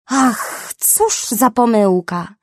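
A woman voicing a greedy, pompous male jungle snake, with slow, drawn-out threats. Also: on the high side, no echo, studio quality, pitched above the performer's own voice, heavily acted.

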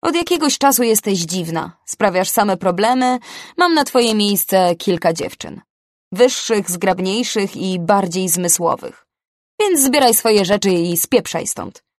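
A woman voicing a harsh, bossy female club manager who shouts and scolds. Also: mid-range voice, lively intonation, measured pace, no room sound, studio quality. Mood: scolding.

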